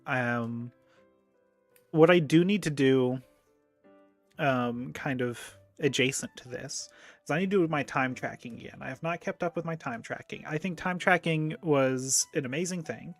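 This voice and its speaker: A man's voice: a little high, moderate pace, soft background music. Rambling, casually swearing man hosting a chat. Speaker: host.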